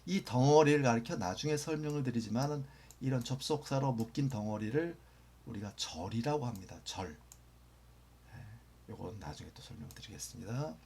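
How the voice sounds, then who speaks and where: A man's voice: medium pitch, lively intonation, normal speed, vocal fry, dark tone, a little hiss or hum. A man teaching English grammar in a lecture, patiently repeating phrases and sometimes dropping almost to a whisper for example sentences.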